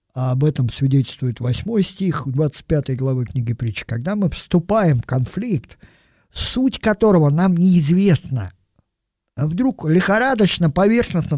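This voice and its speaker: A man's voice: high-pitched, a little mellow, dry recording, studio quality. An older man giving a thoughtful, digressive sermon and dwelling on single words. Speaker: preacher. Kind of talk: reflective sermon.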